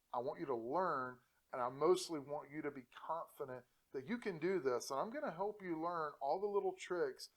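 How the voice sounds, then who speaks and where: A man's voice: on the high side, poor audio. A man hosting a PC-building tutorial, talking casually to the camera, joking and laughing often while encouraging viewers. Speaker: host of a PC-building channel.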